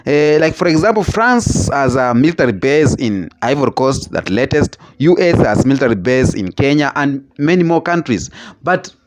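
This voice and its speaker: A man's voice: medium pitch, lively intonation, moderate pace, slight background noise. A man hosting a casual reaction talk, asking questions and repeating himself. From Africa. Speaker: host.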